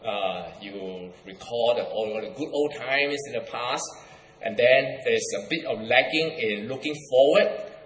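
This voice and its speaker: A man's voice: medium pitch, a little slow, a bit bright, a little hiss or hum. A middle-aged man from Singapore with a Singaporean accent, preaching a sermon as a guest pastor, with light humor. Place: church hall. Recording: echoey church hall.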